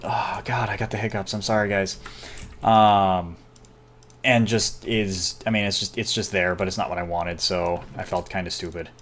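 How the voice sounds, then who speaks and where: A casual gamer narrating his own gameplay, chatty and self-deprecating, with excited outbursts. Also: low-pitched, normal speed, a little hiss or hum. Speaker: gameplay commentator. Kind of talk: casual let's-play commentary.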